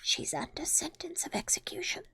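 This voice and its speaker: A woman voicing a timid, anxious storybook rabbit in a hurried, breathy whisper. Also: very high voice, very animated, pitched above the performer's own voice, full character voice. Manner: hurried, frightened, hushed.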